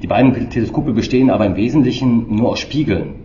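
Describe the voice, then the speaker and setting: A man conducting an interview in a measured way. His voice comes through a low-quality stream with degraded sound. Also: warm tone. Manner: measured, asking questions. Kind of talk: interview questions. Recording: dull, roomy, noisy lo-fi recording.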